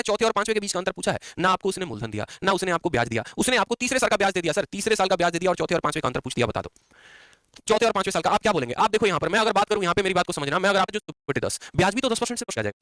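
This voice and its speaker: A man teaching an exam-prep math lesson, drilling students with quick repeated questions. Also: high voice, expressive, pushed and bright, dry recording, clean studio sound.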